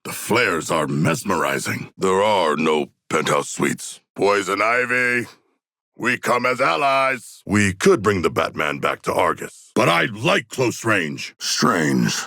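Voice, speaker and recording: An actor playing a proud, earnest shark demigod in a video game, speaking in formal, stately, grandiose phrases. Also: male voice, sits low, expressive, slow, pushed and bright, dry recording, clean studio sound, heavily acted. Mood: calm, earnest. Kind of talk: video game character voice lines.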